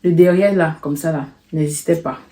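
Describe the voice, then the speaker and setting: A young woman with a slightly low voice tells a personal story in a casual storytime vlog. She talks in an animated, emotional way and repeats words to build tension. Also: normal speed.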